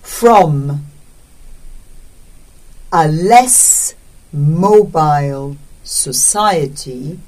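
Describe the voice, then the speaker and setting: A woman teacher reading a text aloud as a dictation in deliberate short phrases, speaking the punctuation. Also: low voice, expressive, a little mellow, recorded from a distance, rough recording.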